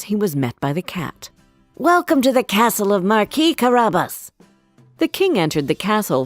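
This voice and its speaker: Woman narrating a children's fairy tale, expressive, lower voice, animated delivery, soft music faint behind. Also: dry recording. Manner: expressive, storybook reading. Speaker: storyteller.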